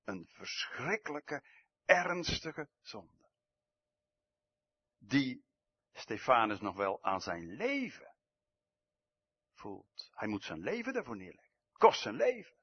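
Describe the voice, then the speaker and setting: A man preaching a sermon, swinging from loud emphatic outbursts to hushed, low passages. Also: huge pitch swings, slow pace, pauses often, husky, lo-fi sound.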